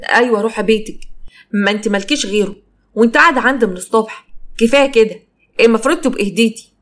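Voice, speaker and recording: A woman's voice: a little high, rapid-fire, a bit bright, close to an everyday voice. A woman voicing a stern Egyptian mother who curtly sends her married daughter home. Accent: Egyptian Arabic.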